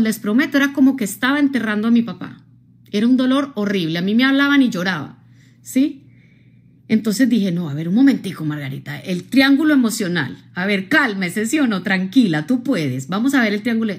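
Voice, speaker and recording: A woman, from Colombia, giving a live-streamed motivational talk, speaking expressively straight to her viewers and often checking in with them. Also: fairly high pitch. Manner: expressive, addresses viewers directly, frequent tag questions.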